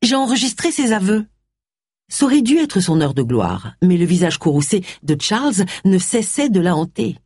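An expressive audiobook narrator reading a mystery novel. The pitch moves freely through each sentence, with a slightly breathy tone. The sound is dry and close, with no room behind it. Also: moderate pace, few pauses, no room sound.

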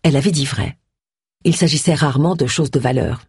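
A woman narrating an audiobook in a wry, lively storytelling manner. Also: a bass voice, fairly quick, husky, no echo, studio quality. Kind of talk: scripted narration.

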